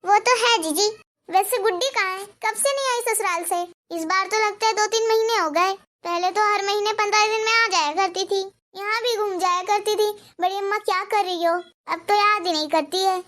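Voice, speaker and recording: Meddling cartoon neighbor, chatty and prying, voiced by a woman, with a very high voice. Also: moderate pace, pushed and bright. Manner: chatty, probing, complaining. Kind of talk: cartoon dubbing.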